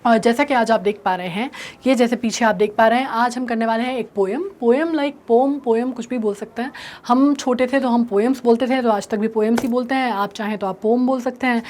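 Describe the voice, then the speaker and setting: High-voiced Indian woman teaching English. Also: brisk, slight background noise. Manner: lively teacherly talk, checks in often. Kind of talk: online class explanation.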